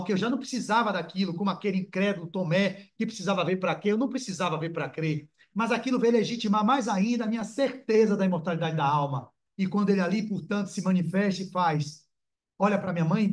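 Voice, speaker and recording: A man giving a spiritist lecture, telling a personal story in an animated, theatrical way and acting out voices. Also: sits high, fast. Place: spiritist center meeting hall.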